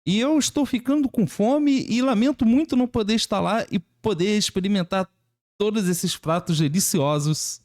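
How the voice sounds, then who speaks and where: A man's voice: sits high, brisk, darkish tone, dry recording. Impressed Brazilian man reacting, dry close sound. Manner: impressed, repeats himself. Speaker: reaction video host. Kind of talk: casual reaction commentary.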